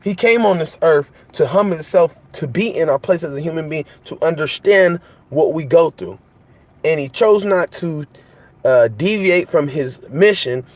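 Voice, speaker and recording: A man's voice: on the high side, expressive, normal speed. A man preaching in an impassioned monologue, piling up rhetorical questions and repetition. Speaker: host.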